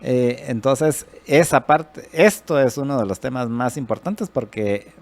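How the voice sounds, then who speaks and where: A man's voice: medium pitch, measured pace. Man explaining news data casually. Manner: relaxed explaining with fillers. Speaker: co-host. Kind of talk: conversational news commentary.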